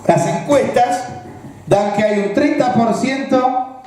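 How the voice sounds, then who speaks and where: A man's voice: extremely high pitch, takes it slowly, darkish tone. A man with a Rioplatense Argentine accent giving a political analysis speech, explaining step by step and checking that his listeners follow. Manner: explanatory, asks the audience rhetorical check-in questions. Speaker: political speaker. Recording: very echoey, roomy recording.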